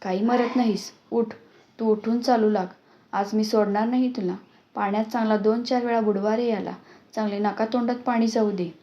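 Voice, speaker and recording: A woman's voice: a little high, fairly even intonation, moderate pace, highs cut off, natural voice. A woman voicing a stern village mother who scolds and orders her son about, in a storybook reading. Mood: scolding. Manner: scolding, commanding.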